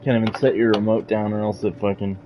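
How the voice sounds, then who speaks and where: A man's voice: fairly low pitch, level tone, fast. A man casually commenting while he plays a game, joking and swearing as he rambles. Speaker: gameplay streamer.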